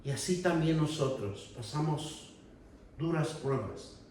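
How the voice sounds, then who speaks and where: Slow, echoey man preaching in church. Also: a little high, animated, darkish tone, slight background noise. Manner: slow, deliberate preaching with raised emphatic passages. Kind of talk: sermon with Bible reading. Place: church hall. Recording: very echoey, distant mic.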